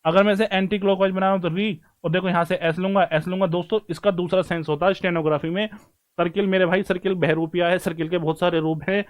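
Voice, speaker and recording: In a live online stenography class, a man with a high, light voice talks quickly and steadily, treating his students like brothers and friends. Easygoing and repetitive, he shows step by step how each shape is written, in a casual rather than formal teaching style.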